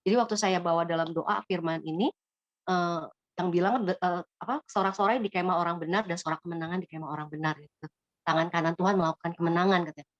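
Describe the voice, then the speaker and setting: A woman's voice: lowish voice, steady tone, quick pace, dry recording, highs cut off. A woman from Bogor, Indonesia, giving a casual spoken testimony, chatty with many fillers and hesitations.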